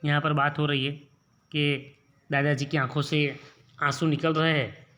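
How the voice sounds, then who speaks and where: A male teacher from Gujarat explaining a textbook lesson slowly, repeating and explaining each line. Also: a little high, flat delivery, fairly bright tone. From Gujarat, India.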